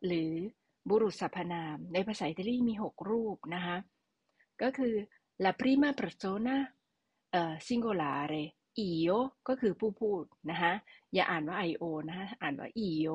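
A woman's voice: on the low side, a little mellow, breathy edge, dry recording, lo-fi sound. A woman teaching a language lesson, patiently explaining and repeating key words for her students.

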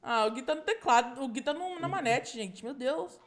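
A male gaming channel host chatting casually with friends while playing, excitable and quick to shriek in protest. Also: extremely high pitch. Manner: excitable, shrieks repeated protests when losing.

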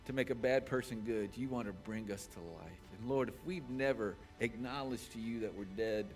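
A man in his forties preaching a sermon from a church stage as pastor, with impassioned delivery that swings between raised, shouted points and hushed, quiet prayer. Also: lowish voice, normal speed, faint music behind.

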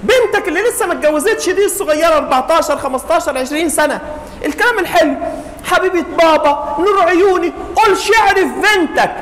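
High-pitched Egyptian man, wise mentor, echoey hall. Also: expressive, racing, a bit bright. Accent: Egyptian Arabic. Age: middle-aged. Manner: wise mentor, advising with humour and acted-out examples. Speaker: family-studies teacher giving a religious lesson. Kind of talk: animated public lecture in colloquial speech. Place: indoor hall, speaking to an audience. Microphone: clip-on lapel microphone. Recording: echoey hall with faint noise.

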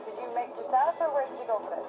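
A woman's voice: high voice, very fast, poor audio. A young woman, chatting informally as an interviewer. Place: outdoors on a moving pedal bike in town streets. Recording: clear traffic noise outdoors. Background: street and vehicle noise.

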